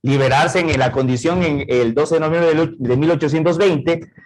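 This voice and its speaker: A middle-aged man with an Ecuadorian Spanish accent teaches a verbal reasoning lesson, explaining words step by step and checking in with rhetorical questions. His voice is on the high side with a darkish tone and fairly even intonation at a moderate pace, and the audio is poor.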